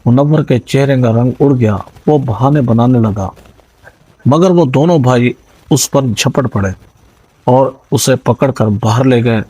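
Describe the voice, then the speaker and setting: Guy reading a story out, mellow husky voice, dry close recording. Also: mid-range voice, no echo, poor audio. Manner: steady dramatic first-person reading. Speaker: narrator. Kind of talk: scripted storytelling narration.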